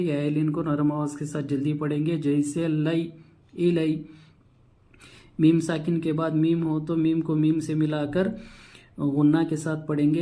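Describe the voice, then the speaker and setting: A man teaching Quranic reading, spelling syllables out slowly and then explaining each rule in quicker plain speech. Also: on the high side, dark tone.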